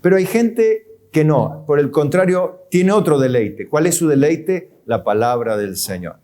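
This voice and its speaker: Animated Argentine pastor preaching. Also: male voice, a little high, a little slow. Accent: Argentine Spanish. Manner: conversational preaching, rhetorical questions, chuckles. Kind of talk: sermon.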